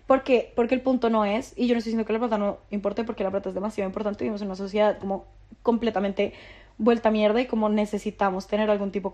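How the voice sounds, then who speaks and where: A woman's voice: mid-range voice, darkish tone. A young woman, hosting her own podcast in a rambling, profane monologue full of filler words. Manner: rambling, profane, heavy use of filler "como". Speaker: podcast host.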